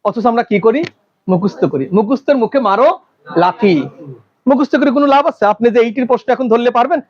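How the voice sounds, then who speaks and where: A male teacher giving a classroom lecture, constantly quizzing his students with quick questions. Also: very high-pitched, highs cut off.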